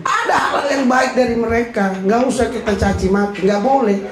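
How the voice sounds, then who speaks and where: Man, pastor, animated joking sermon, very high voice, roomy church sound. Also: moderate pace, crowd noise. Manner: jokey, animated, often shouting and laughing. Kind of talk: lively sermon. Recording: echoey hall with congregation.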